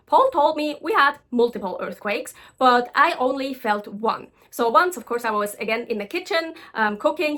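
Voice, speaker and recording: A woman's voice: on the high side, fairly bright tone. A woman from Switzerland telling casual stories to camera as a vlogger, chatty with many ums and restarts. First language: Swiss German.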